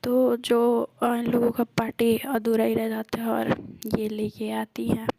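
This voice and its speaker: A woman casually retelling a love story in a soft, half-whispered voice, pausing often on fillers. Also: a little high, monotone, gravelly, noisy background. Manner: hesitant, many filler pauses.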